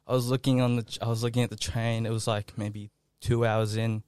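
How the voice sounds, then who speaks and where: A man's voice: medium pitch, level tone, fairly quick, darkish tone, smooth, dry recording. A teenage man, a podcast guest in a small studio room, rambling and swearing and trailing off. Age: late teens. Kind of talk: casual chat.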